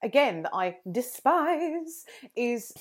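A woman's voice: a little high, big pitch swings, slow pace. A woman co-hosting a podcast in casual, frank conversation, telling personal stories expressively. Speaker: podcast co-host.

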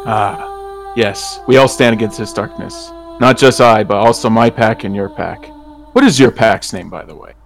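A man's voice: fairly low pitch, moderate pace, gravelly, soft background music. A man playing a polite, honourable werewolf traveler in a tabletop game, speaking in a formal, solemn way. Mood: reflective. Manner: formal, deferential. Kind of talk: tabletop role-play character acting.

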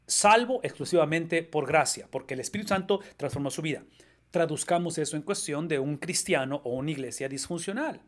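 A man's voice: on the high side, a little fast. Emphatic man preaching a sermon. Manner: emphatic, rhetorical questions and repeated tags. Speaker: pastor.

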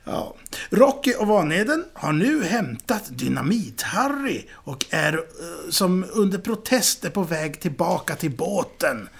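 Gravelly man retelling a film scene. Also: high-pitched, sing-song. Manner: acts out characters' shouted lines while retelling. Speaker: podcast co-host.

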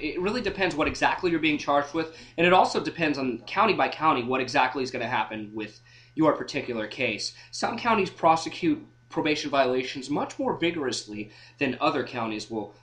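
A man's voice: medium pitch, lively intonation, a little fast, fairly bright tone. A man with a nasal voice who co-hosts a casual legal advice podcast as a defense lawyer, speaking matter-of-factly with occasional joking asides. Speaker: criminal defense lawyer co-host.

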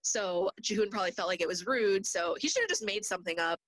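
A young woman in casual chat, animated, acting out quotes and laughing often. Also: mid-range voice, fast talker, no room sound, low-quality recording. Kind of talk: casual chat about a reality show.

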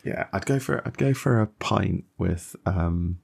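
A man talks casually as a podcast co-host in a very gravelly, husky voice that sits low. He is animated and jokey, acting out lines of dialogue as he chats. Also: measured pace. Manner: animated, jokey, acts out quotes. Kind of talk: casual chat.

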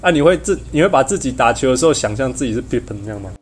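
A man hosts a loose, teasing conversation in Taiwanese-accented Mandarin mixed with Hokkien. His pitch is average, and some ambient noise sits behind him. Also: expressive, racing. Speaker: podcast host. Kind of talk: casual, teasing chat. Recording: clearly noisy background ambience.

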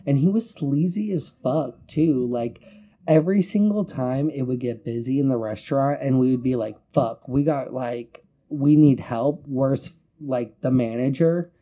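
Male podcast host, dark voice, animated, swearing through an angry anecdote. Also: medium pitch, measured pace. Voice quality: profane, heated storytelling. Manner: recounts quotes with emphasis. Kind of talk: casual storytelling.

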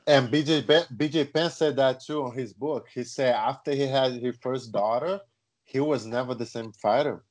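A man from Brazil telling a personal story in a casual chat, animated and rising in pitch as he gets excited. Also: normal speed.

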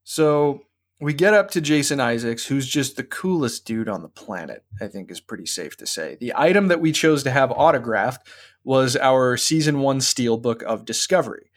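A man hosting a podcast, telling a rambling, animated anecdote with lots of restarts in a casual chat. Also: mid-range voice, moderate pace. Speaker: podcast host.

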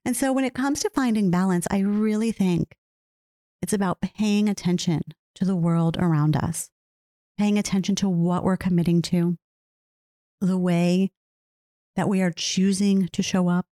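A woman's voice: lowish voice, steady tone, unhurried, warm tone, no echo, clean studio sound. A woman hosting a solo podcast, talking earnestly and reflectively, often repeating phrases and asking herself questions. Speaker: podcast host.

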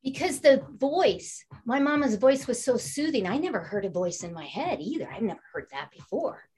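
A woman's voice: a little high, very animated, moderate pace, darkish tone, slightly rough. A woman author speaking on a panel, giving an upbeat, inspirational motivational talk.

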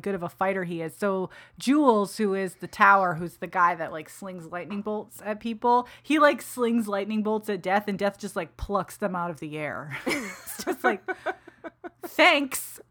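A woman in casual book chat, recapping a novel with animated, profane enthusiasm and frequent laughter. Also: mid-range voice. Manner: animated, profane, laughs often while retelling.

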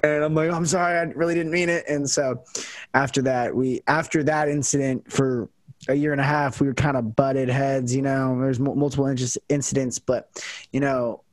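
A man's voice: mid-range voice, little pitch movement, moderate pace, no room sound. Young man chatting on a podcast, dry sound. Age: young adult. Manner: rambling, many fillers and restarts. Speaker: podcast host and college football kicker. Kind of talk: casual podcast chat.

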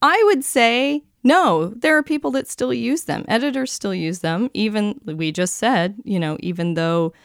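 A woman co-hosting a casual chat about dictionaries, lively and quick with jokes and asides. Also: medium pitch, creaky, no echo, clean studio sound. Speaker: podcast co-host, lexicographer.

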